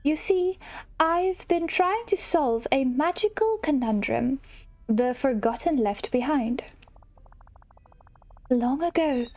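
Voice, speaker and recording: A woman voices a kindly, forgetful elderly fairy godmother in a video game, gentle and hesitant and fussing as she goes. Her voice sits high and is heavily acted.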